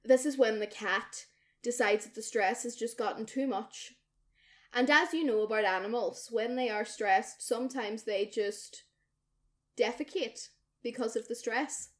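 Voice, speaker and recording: Young woman, slightly higher voice, casual and lively podcast storyteller with plenty of swearing. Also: a little slow. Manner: lively, swears freely, acts out quoted people. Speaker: podcast co-host.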